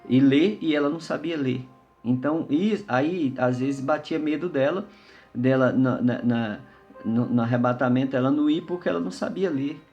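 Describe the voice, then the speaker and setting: A man preaching in a relaxed, conversational way, his voice gravelly with fry, pausing often on fillers and tag questions. He speaks at an ordinary middle pitch over faint instrumental music. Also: dull audio. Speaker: lay preacher. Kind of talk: informal preaching with a personal story.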